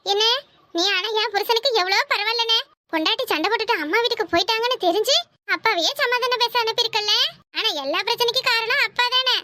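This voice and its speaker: In an extremely high pitch that is pushed and bright, a woman voices a cartoon's scheming, bossy young married woman. She speaks with a Kanyakumari Tamil accent and scolds in fast chatter, and the recording is dry.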